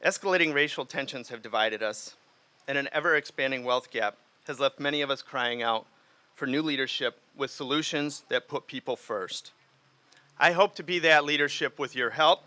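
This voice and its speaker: A man's voice: a little high, pushed and bright, no room sound. A middle-aged man from Liberia giving an earnest, off-the-cuff campaign speech outdoors in the rain. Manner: earnest, speaks off the cuff with fillers. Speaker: mayoral candidate.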